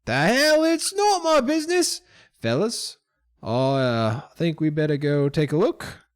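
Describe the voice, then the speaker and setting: Man playing a gruff older miner, high raised voice, loud, cursing, blustering. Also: sing-song, unhurried. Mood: angry. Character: gruff, foul-mouthed older male miner.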